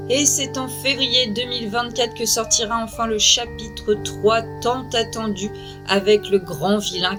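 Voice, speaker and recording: Woman narrating over clear background music. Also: mid-range voice. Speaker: video host. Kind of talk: narrated video game review.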